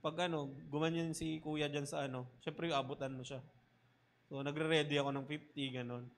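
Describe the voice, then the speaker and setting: A Filipino man, a pastor, preaching a sermon in mixed Tagalog and English, often tagging lines with "di ba?" and swinging between loud emphatic bursts and quiet low asides. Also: level tone, normal speed. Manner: Taglish preaching, keeps asking "di ba?".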